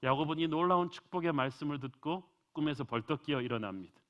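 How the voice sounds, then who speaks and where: A man's voice: fairly high pitch, fast talker, highs cut off. A male pastor preaching a revival sermon in a church, earnest and emphatic, rising in force to stress points.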